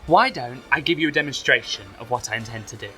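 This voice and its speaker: A man playing an earnest, eager young high diver. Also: expressive, fast talker, sharp tone, soft background music.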